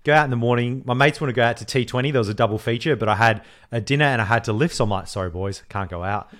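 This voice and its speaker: A man's voice: medium pitch, very fast, fairly bright tone. Young man, podcast co-host, casual storytelling, teasing, swears. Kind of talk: casual chat.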